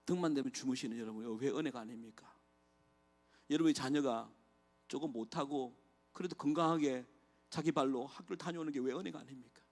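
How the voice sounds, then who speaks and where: Middle-aged male pastor preaching a testimony sermon in a church sanctuary, impassioned, rhetorical, a little high-pitched. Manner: impassioned, rhetorical questions to the congregation. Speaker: guest pastor.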